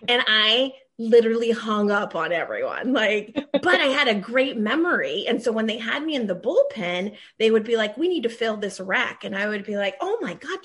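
A middle-aged woman from Maryland, a guest telling her career story in a lively, laughing, casual interview. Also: medium pitch. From Maryland, USA. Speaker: guest, recruiting leader.

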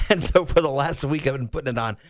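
An American man co-hosting a radio morning show in casual, chatty, animated, self-deprecating talk. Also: medium pitch, brisk.

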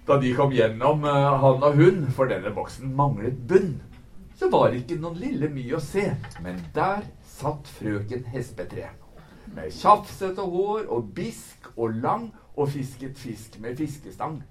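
A man reading a rhymed picture book aloud in a lively, sing-song storytelling manner. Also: medium pitch, slight background noise. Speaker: book talk presenter.

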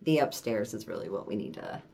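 A woman's voice: rumbling low, very animated, a little fast, creaky, dark tone, breathy edge. A young adult woman co-hosting a podcast, chatting casually and animatedly, swearing freely and acting out quotes. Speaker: podcast co-host. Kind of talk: casual chat.

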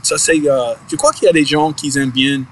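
A man whose first language is English, interviewing casually in a second language, halting and searching for his words. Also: fairly high pitch, steady tone, slight background noise.

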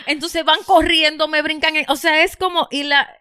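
A woman's voice: sits high, normal speed, dry recording, studio quality. A woman chatting casually as a co-host, telling stories with laughs and exclamations. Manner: animated storyteller, exclaims and laughs often. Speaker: podcast co-host. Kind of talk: casual chat.

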